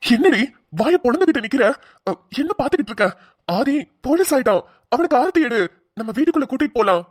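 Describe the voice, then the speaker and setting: A woman's voice: sits high, animated, fast talker, husky, dry recording, studio quality. A woman voicing a bossy cartoon big brother. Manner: bossy, teasing orders. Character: bossy, cheerful older brother, a grown man. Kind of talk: cartoon voice acting.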